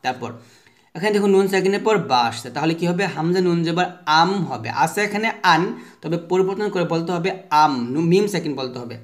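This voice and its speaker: A man with a fairly high voice teaches the rules of Quran recitation, step by step. He asks a question and answers it himself. He drags out each letter sound so that listeners can repeat after him. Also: expressive, quick pace. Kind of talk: tajweed lesson.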